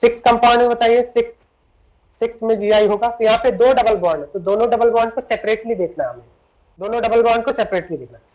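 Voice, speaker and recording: A very high-pitched, fast, darkish male voice delivers a classroom chemistry lecture on a dull lo-fi recording. The teacher switches between Hindi and English, breaks ideas down step by step, and regularly questions his students.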